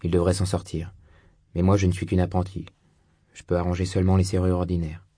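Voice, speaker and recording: A man's voice: low-pitched, monotone, fairly quick, mellow, no echo, clean studio sound. A man voicing a blunt, suspicious young woman, a hunchbacked locksmith's apprentice, in an audiobook reading. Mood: prickly.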